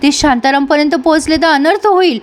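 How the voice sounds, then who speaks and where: A woman's voice: high-pitched, brisk, voice pushed up, natural voice. A woman voicing a scheming, frightened middle-aged mother who talks fearfully and urgently.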